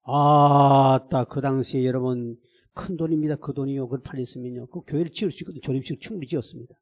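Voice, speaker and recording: A male pastor preaching at a church revival meeting, telling a story in a lively, colloquial way with emphatic repetition. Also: mid-range voice, rapid-fire. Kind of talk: sermon. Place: church service.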